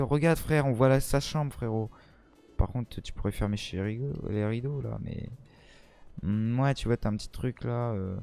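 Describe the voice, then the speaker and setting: A man's voice: mid-range voice, mellow. A young man from France giving casual, slangy, enthusiastic commentary as he tours a farming game map, talking straight to the viewer like a buddy. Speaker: gaming video host.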